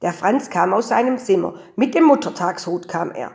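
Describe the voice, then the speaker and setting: A woman reading a children's story aloud with lively, expressive storytelling. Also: mid-range voice, normal speed, vocal fry.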